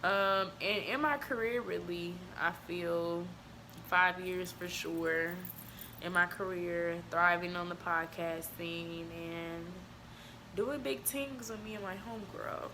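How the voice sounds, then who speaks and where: Bright-voiced woman podcast co-host. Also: fairly low pitch, slow, slight background noise. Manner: animated storytelling, laughs often. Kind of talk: casual chat.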